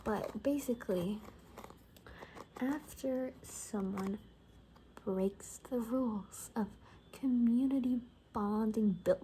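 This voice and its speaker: A woman with a soft, relaxed, mellow mid-range voice, often sinking to a whisper, plays a sassy apocalypse survivor giving a haircut in an ASMR roleplay. She tells sarcastic, gossipy stories in a casual, chatty way. The audio is poor, with light background noise.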